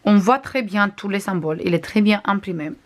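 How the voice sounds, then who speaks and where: A woman with a non-native accent chats her way through a casual unboxing review, pitched in an ordinary middle register. She pauses often with little hesitations and keeps pointing things out to the camera. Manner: chatty, frequent hesitations, shows items to camera. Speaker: crafts vlogger.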